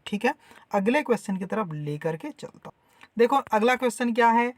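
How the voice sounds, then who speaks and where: A man teaching a school lesson, reading English lines slowly and then explaining them patiently in Hindi. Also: high-pitched, dry recording. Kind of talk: explaining a textbook lesson to students.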